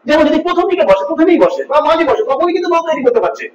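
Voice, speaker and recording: A man teaching a grammar lesson with a very high, lively voice that rises and falls as he explains. He speaks patiently, repeats each point and quizzes his students. The recording is dull and lo-fi, with him sounding far from the mic in an echoey room. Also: racing, a crowd in the background.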